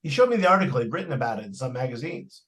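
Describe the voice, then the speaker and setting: Rapid-fire and very animated, a medium-pitched man lightly acts the part of an eager salesman pushing a haunted house, old-time radio suspense style. He's folksy, persuasive and full of colloquialisms, with heavy background noise behind him.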